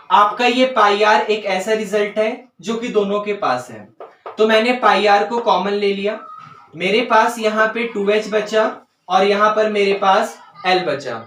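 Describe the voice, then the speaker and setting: A man teaching a maths lesson step by step, often checking whether students follow and slowly dictating terms as he writes. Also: high-pitched, a bit bright, distant mic, slight background noise. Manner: dictates English terms slowly while writing. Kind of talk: board-work maths lesson. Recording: roomy sound, voice away from mic.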